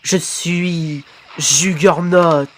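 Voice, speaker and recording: A hulking, boastful alien warrior, played by a woman who lowers her voice and stretches each word to sound menacing. Slow and heavy, in a homemade cartoon dub. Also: fairly even intonation.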